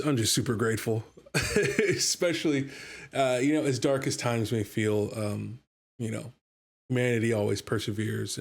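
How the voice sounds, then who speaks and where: Hosting a casual podcast as a podcast host and game master, a man speaks with enthusiasm, rambling with lots of fillers and repeated words. His voice is fairly low, gravelly, and darkish in tone.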